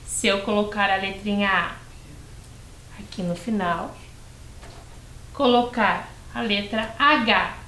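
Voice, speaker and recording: A Brazilian woman teaching a lesson to young children, drawing out syllables slowly and patiently. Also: medium pitch, a bit bright, roomy sound, poor audio. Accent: Brazilian Portuguese. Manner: stretches words and syllables, patient and encouraging. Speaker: primary school teacher. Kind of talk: slow, clearly spelled-out lesson for young children.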